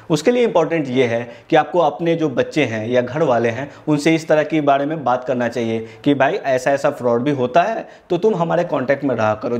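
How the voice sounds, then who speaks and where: This is explanatory narration for an educational tech video by a man with an Indian accent. He breaks things down step by step, mixes in English terminology, and has a mid-range voice with a darkish tone.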